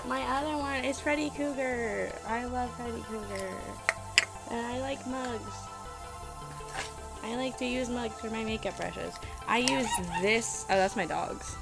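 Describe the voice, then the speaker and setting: A woman's voice: fairly high pitch, creaky, rough recording. Sassy, blunt woman vlogging about makeup. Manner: sassy, blunt, sweary, self-mocking. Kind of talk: casual reaction and tutorial chat. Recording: music playing behind the voice.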